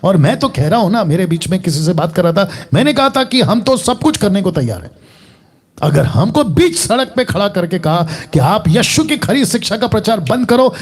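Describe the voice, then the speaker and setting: A middle-aged male pastor preaches to an online audience. He repeats his lines for emphasis and fires rhetorical questions at the listener. His voice sits high, swings widely in pitch and has a husky edge. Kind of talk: online sermon.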